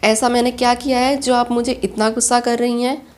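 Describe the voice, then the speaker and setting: A woman's voice: fairly high pitch, little pitch movement, fairly quick, pitched above the performer's own voice, lightly acted. A woman voicing a remorseful, smitten young male boss in a storybook reading, speaking in an earnest, pleading way. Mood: teasing.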